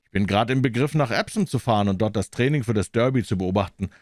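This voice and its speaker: A man's voice: on the low side, quick pace, a little mellow, dry recording, clean studio sound, natural voice. A man doing a blunt, scornful stable hand. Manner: blunt, contemptuous.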